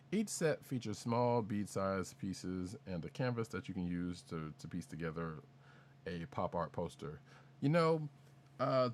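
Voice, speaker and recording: A man's voice: lowish voice, slight background noise. A man co-hosting a podcast, chatting casually through news items with rambling restarts and jokes. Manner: rambling, self-correcting, jokey. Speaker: podcast co-host.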